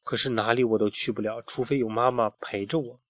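A man's voice: medium pitch, steady tone, fairly quick, no echo, natural voice. A man voicing a small, timid, curious boy who asks plaintive questions. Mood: wistful.

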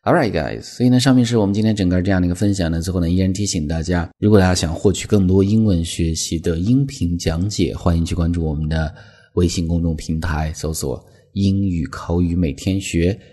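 Man, very low voice, measured teacher explaining English phrases, reads examples slowly. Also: dark tone, slightly rough.

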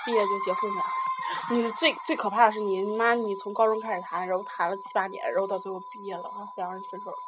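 A woman's voice: medium pitch, fairly even intonation, quick pace, heavy background noise. A woman in her twenties chatting casually and recounting everyday quarrels. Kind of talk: casual chat. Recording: music playing under the voices.

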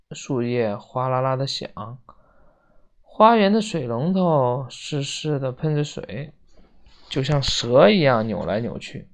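Slow, expressive children's story reader. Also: mid-range voice. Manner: slow, expressive reading with many voices. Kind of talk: reading a children's book aloud. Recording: dull lo-fi recording.

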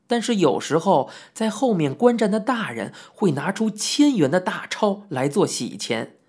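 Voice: medium pitch, a little mellow, husky. An audiobook narrator telling a first-person memoir in a reminiscing storytelling manner, with occasional asides to the listener.

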